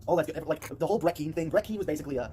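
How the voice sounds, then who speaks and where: There's a faint hiss or hum behind this man's warm, slightly high voice as he rattles off answers to viewers. Adopting a put-on British accent for casual in-character stream talk, he rambles, stacking up fillers and restarting sentences.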